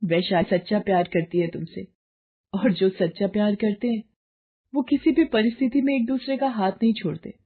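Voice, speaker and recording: A woman's voice: mid-range voice, normal speed, voice pushed up, lightly acted. A woman voicing a devoted young wife in a spoken storybook, passionate and impassioned. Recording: muffled phone-like lo-fi audio.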